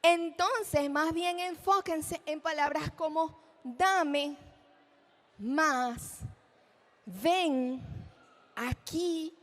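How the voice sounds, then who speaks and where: A woman giving a lecture at a live event, animated, asking the audience questions and acting out examples. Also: slow pace, hardly any pauses. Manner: acts out children's speech in a high voice. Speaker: speech therapist giving a talk. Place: event hall.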